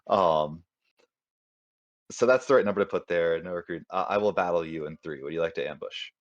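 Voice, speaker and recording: A man's voice: low-pitched, fairly quick, dry recording, lo-fi sound. A man playing in an online board game tournament, thinking aloud in a hesitant, apologetic way with lots of fillers. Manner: apologetic, self-deprecating, hesitant with many fillers.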